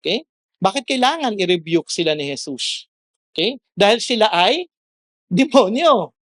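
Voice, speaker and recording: Earnest pastor preaching, dry close sound. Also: male voice, high voice, very animated, moderate pace, fairly bright tone, no echo. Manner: earnest, mixes English into his preaching, rises sharply when exhorting. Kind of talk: sermon.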